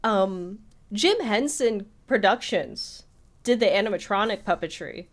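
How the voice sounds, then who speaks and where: A woman co-hosts a podcast, rambling casually about film and peppering her talk with "like". Her mid-range voice is animated and unhurried.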